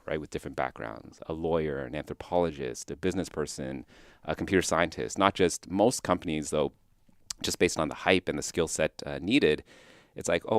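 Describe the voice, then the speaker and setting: Deep-voiced man, dry studio sound. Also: no room sound. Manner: conversational, peppers sentences with "right?". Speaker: podcast guest, AI expert. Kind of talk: casual interview talk.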